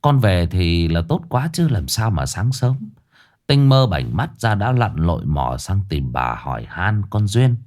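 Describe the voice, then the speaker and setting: Low-voiced storyteller. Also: male voice, big pitch swings, measured pace, darkish tone. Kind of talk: ghost story narration.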